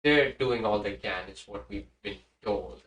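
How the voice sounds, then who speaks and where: Halting man far from the mic. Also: lowish voice, a crowd in the background. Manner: halting, full of "uh"s. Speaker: player. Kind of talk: tabletop game recap. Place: room at a live-streamed game table. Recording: roomy sound, distant mic, faint hiss.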